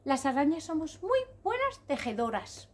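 A woman's voice: sits high, sing-song. Woman playing a kind lady spider. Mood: caring. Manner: slow, soft, partly whispered.

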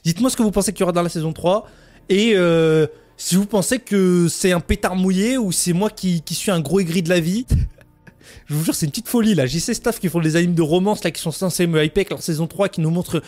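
A man's voice: high-pitched, fairly quick, a little mellow. A young man in his twenties, an anime YouTuber, delivering an exasperated, slang-heavy rant in a video review. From France. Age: 20s. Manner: indignant, exasperated ranting with heavy slang and swearing.

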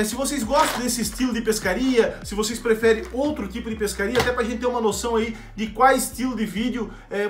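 A man's voice: high voice, fairly bright tone. A young man hosting a fishing shop channel, chatting casually to camera about his gear and often checking in with viewers. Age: young adult. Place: indoor studio in front of a rod rack. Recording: echoey room with faint music.

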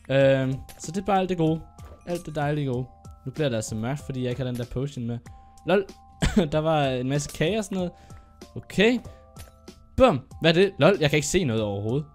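A young man with a sore throat and an occasional cough, giving chatty, excitable gameplay commentary as he narrates his own moves. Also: a little high. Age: young adult. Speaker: gaming YouTuber.

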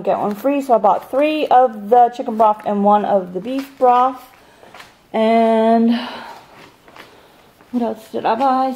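The audio is poor, and the voice is fairly high-pitched and a little mellow. It belongs to a married adult woman at home who chats and rambles, with lots of ums, while showing a table of groceries to her handheld camera in a casual haul vlog.

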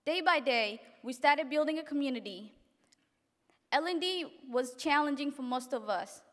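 A young woman from Africa reading a graduation speech at a podium in an event hall, earnest and halting at times. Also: sits high, animated, fairly bright tone. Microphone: podium microphone. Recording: reverberant hall.

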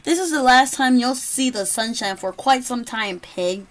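A woman's voice: a little high, animated, normal speed, very noisy, close to an everyday voice. A woman voicing a bossy, shifty male bear detective who blusters and accuses, reading a storybook to a toddler. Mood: stern.

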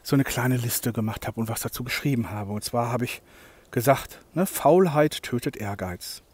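A man hosting a motivational podcast monologue, talking emphatically, swinging between loud and soft and often checking in with "ja?". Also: mid-range voice, normal speed, no room sound. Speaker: podcast host, coach.

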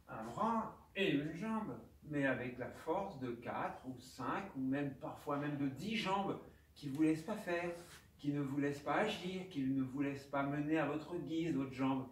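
A man tells his own story at a conference in a very slow, halting way, with aphasia in his speech and many repeated words and phrases. He sounds far from the mic, and the large room echoes around him. A faint hum of ambience sits underneath. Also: on the high side. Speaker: doctor giving a conference talk. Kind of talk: personal testimony lecture. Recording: roomy hall, distant mic, faint ambience.

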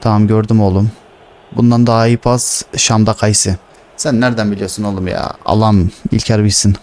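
A young man commenting on his own football video game, swearing and shouting at the players. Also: fairly low pitch, level tone, brisk. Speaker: gaming streamer.

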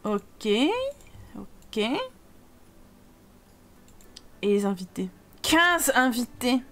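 High-voiced playful woman gamer. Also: drawn-out words. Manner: lively, playful, voices her Sims' dialogue. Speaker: gaming YouTuber. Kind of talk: Let's Play commentary.

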